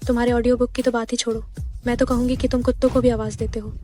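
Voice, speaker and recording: A woman's voice: on the high side, flat delivery, racing, close to an everyday voice. A woman dubbing a cheerful, talkative young woman who poses as a girlfriend. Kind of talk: dubbed drama acting. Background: soft background music.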